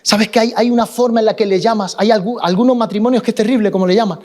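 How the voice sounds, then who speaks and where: A man's voice: high-pitched, fairly even intonation, fast talker, a little mellow, in a large hall. A man preaching a sermon as pastor, impassioned and repetitive, often restarting his words.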